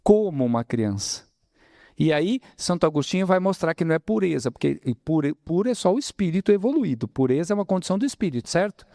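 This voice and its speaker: Brazilian male spiritist lecturer, animated pitch, dry close sound, preaching with rhetorical questions. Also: fast talker, gravelly, no echo. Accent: Brazilian Portuguese, São Paulo interior. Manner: lively preaching, addresses audience as brothers, asks rhetorical questions. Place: spiritist center hall.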